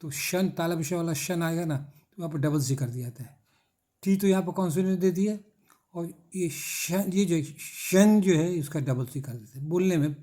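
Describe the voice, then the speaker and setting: A middle-aged male teacher lectures in a slightly high but mellow voice. He drills the class with short repeated questions and answers and draws key words out slowly. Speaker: English teacher.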